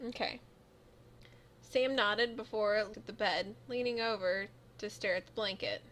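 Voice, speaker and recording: A young adult woman streamer reading a visual novel aloud, expressive as she voices the heroine and reacts. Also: medium pitch, moderate pace.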